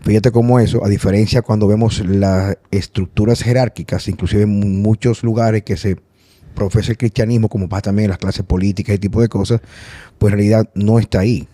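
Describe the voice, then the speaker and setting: A man's voice: fairly low pitch, steady tone, fairly quick, dark tone, no room sound. A man hosting a podcast, talking in a rambling conversational way with many restarts. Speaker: podcast host. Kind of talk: casual conversation.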